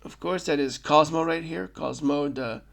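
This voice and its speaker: A slightly high, creaky male voice at normal speed belongs to a podcast host recapping a film. He is casual and rambling, often breaks off to correct himself, and stammers as he restarts.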